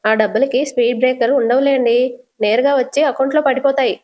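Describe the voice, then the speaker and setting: A woman's voice: high voice, steady tone, quick pace, a little mellow, lightly acted. A woman voicing a corrupt male doctor who talks in a fawning, reassuring way.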